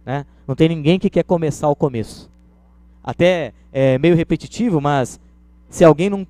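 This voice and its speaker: A man's voice: on the high side, dark tone, no room sound. A Brazilian man giving a conversational lecture, illustrating points with everyday stories. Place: lecture room.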